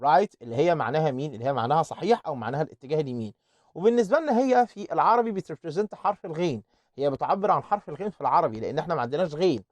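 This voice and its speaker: A man with an Egyptian Arabic accent teaching an online English lesson, repeating words slowly to drill their pronunciation. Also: a little high, expressive, no echo.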